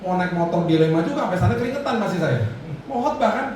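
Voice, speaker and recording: A man with an Indonesian accent preaches a lively sermon, slipping into other people's voices as he tells a story. His voice sits fairly high for a man and comes from some way off the mic. The recording is very echoey, with clear noise in the hall behind him. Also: fast talker, recorded from a distance. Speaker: pastor.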